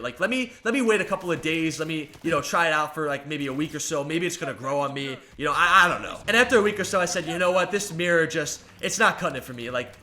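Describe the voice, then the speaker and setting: A young man casually telling a story to his vlog audience, rambling and getting loud when annoyed. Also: a little high, a little hiss or hum. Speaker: vlogger.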